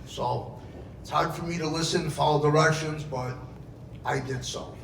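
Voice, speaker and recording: A man's voice: on the high side, steady tone, measured pace, creaky, a bit bright. A middle-aged man giving a heartfelt father of the bride speech at a wedding reception, telling family anecdotes. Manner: heartfelt, anecdotal storytelling with dramatized quotes. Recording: echoey, noisy event room, distant mic.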